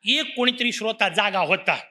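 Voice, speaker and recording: High-voiced man giving a devotional lecture. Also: moderate pace. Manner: rhetorical questions, animated storytelling. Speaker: religious discourse speaker.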